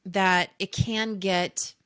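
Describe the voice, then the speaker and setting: In a steady, mid-range voice that is clear, resonant and a bit bright, a woman draws out her words while hosting a love coaching podcast. She gushes to her listeners intimately during the intro and promotion, leaning on key words.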